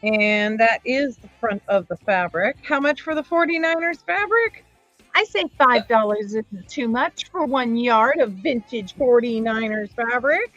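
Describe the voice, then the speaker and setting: A woman's voice: on the high side, animated, measured pace, a bit bright, no echo, lo-fi sound, soft background music. A woman hosting a live online craft supply sale, chatting casually and rambling with fillers as she shows fabric. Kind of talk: casual live-stream selling.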